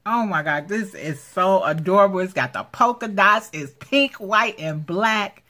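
A woman's mid-range voice, a little slow, carries this craft unboxing vlog filmed at home with a handheld camera. As the channel's host, she enthuses over every item, excitable and repeating her exclamations.

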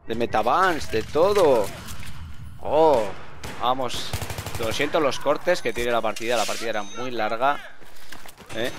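A man giving mocking, excitable gameplay commentary, repeating words quickly when excited. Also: medium pitch, background noise. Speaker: gaming video host. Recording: game gunfire behind voice. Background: shooter game gunfire.

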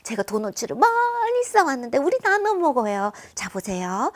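A woman doing a gentle, kind believer. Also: sits high, very animated, normal speed, voice pushed down. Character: kind generous believer sharing food.

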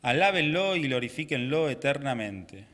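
A young man serving as lector, reading scripture at Mass in a measured, solemn way. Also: medium pitch, big pitch swings, fairly bright tone. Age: young adult. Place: small chapel, indoors. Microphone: microphone at a lectern. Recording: reverberant chapel sound.

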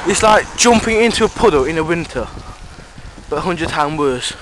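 A man filming on a roadside cycle path, keeping up a bossy, teasing commentary and urging his friend to go faster. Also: on the high side, animated. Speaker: cyclist filming a bike ride. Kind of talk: casual running commentary while cycling. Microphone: camera held while riding a bike. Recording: wind noise on an outdoor camera mic.

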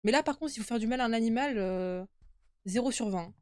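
High-voiced scared woman horror game streamer. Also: a little fast, dry recording. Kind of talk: casual live game commentary, chatting with viewers. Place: indoor room at home.

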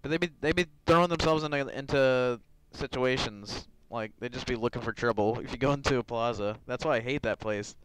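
A man's voice: medium pitch, brisk, hardly any pauses, fairly bright tone, a little hiss or hum, poor audio. A man streaming, rambling casually with lots of fillers and chuckles into a headset mic.

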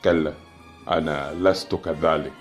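A man voicing a cold, calm male alien envoy who speaks slowly and quietly. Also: low-pitched, faint music behind, natural voice. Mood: cold menace. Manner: cold and unhurried.

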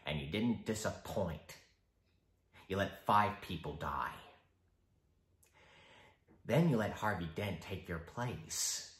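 A man acts out an unhinged criminal clown from a film. He is theatrical and mocking, leaving slow, deliberate pauses. The pitch swoops widely, in a roomy space. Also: animated, fairly bright tone, heavily acted. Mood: menacing. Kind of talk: film character impersonation. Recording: roomy echo.

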